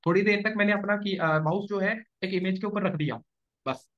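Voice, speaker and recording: High-voiced man teaching a class. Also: steady tone, brisk, fairly bright tone. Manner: explanatory, checks understanding often. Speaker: SEO trainer. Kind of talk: live classroom tutorial. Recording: dull lo-fi classroom recording.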